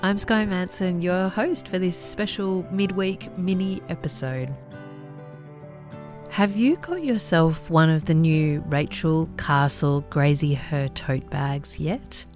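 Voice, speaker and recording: Low-voiced woman podcast host. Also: slow pace, darkish tone, faint music behind. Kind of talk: scripted intro then casual interview.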